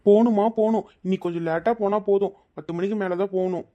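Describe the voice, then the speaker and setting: A gentle, obedient cartoon son speaks quickly, voiced by a woman. His voice is mid-pitched and coaxing. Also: fairly even intonation, muffled recording, lightly acted.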